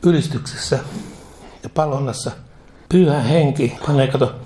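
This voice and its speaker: A man's voice: mid-range voice, dark tone, slight background noise. A man preaching a sermon, leading a spoken prayer that he repeats line by line, with fervent delivery and casual asides.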